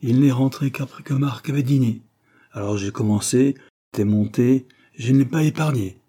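A man's voice: mid-range voice, normal speed, mellow, breathy edge, natural voice. A man voicing an angry, gossiping working-class landlady who scolds indignantly, in an audiobook reading. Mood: furious. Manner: indignant, scolding, breathless storytelling.

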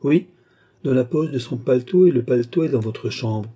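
A man voicing a small, cold false doctor who threatens curtly in a dark, husky voice. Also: mid-range voice, normal speed, lightly acted. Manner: cold, curt, menacing.

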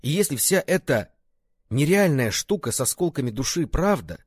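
A man's voice: a little high, sing-song, moderate pace, husky, dry recording, clean studio sound, voice pushed up. A man voicing a tipsy, stubborn young man weighed down by guilt in a spoken story, pleading in a strained voice.

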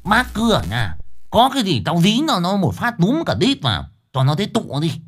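A man playing a swaggering young security guard who boasts loudly. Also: high voice, huge pitch swings, normal speed, voice pushed up, heavily acted. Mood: boastful. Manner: cocky, boastful, loud.

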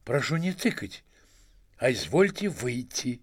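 A man's voice: mid-range voice, sing-song, slightly rough, no room sound, clean studio sound. A man voicing a small, prim club steward who asks people to leave with stiff politeness in a storybook reading. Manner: slow, formal politeness.

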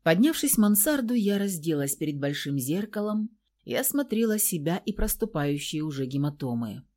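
Woman narrating in a low voice. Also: sing-song, normal speed, darkish tone. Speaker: audiobook narrator. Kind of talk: first-person audiobook narration.

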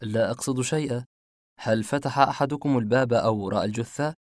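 A man's voice: mid-range voice, dry recording, clean studio sound, lightly acted. A man voicing a cool, probing police officer. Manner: measured, confident. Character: calm, self-assured male police officer.

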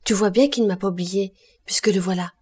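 A woman's voice: mid-range voice, brisk, mellow, slightly rough, close to an everyday voice. A woman reading the part of a steadfast young woman in love, earnest and emphatic, in an audiobook. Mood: joyful.

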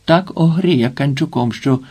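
A man's voice: mid-range voice, unhurried, a little mellow, husky. A man narrating an adventure audiobook.

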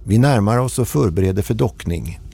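A man's voice: fairly low pitch, lively intonation, vocal fry, mellow, slight background noise, pitched above the performer's own voice. A male narrator voicing a cold, stern cosmonaut talking over the radio in clipped, formal phrases. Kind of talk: radio horror drama reading.

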